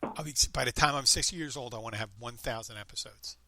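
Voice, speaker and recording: A man's voice: mid-range voice, fast, pushed and bright, dry recording. A man in his fifties hosting a podcast, chatting casually and rambling with frequent restarts. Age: 50s. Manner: rambling, upbeat, self-interrupting. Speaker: podcast host. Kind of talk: casual chat.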